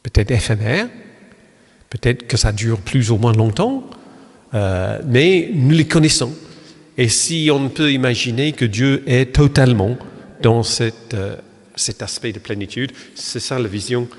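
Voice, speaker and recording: In a Protestant church hall, a pastor with an English accent gives a lecture-style talk in French, hesitating often with many fillers and restarts. His mid-range voice is a little slow, and the hall's long reverb carries through the recording.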